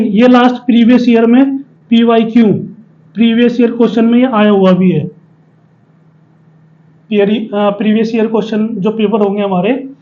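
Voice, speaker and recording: Man, very high voice, teacher, step-by-step explanations, dull lo-fi sound. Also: darkish tone. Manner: explains step by step, often asks and answers himself. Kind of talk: spoken Hindi spelling lesson at a board.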